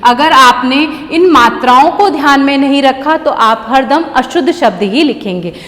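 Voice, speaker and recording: A woman teacher explaining grammar to young schoolchildren, patiently repeating key words slowly. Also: high voice, fairly bright tone, long reverb tail. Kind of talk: grammar lesson for children.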